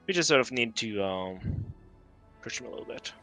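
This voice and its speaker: A man's voice: medium pitch, lively intonation, normal speed, sharp tone, faint music behind. A man from Norway, chatting casually over a strategy game, hedging and thinking aloud with lots of fillers. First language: Norwegian. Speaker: game streamer. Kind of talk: casual gameplay chat.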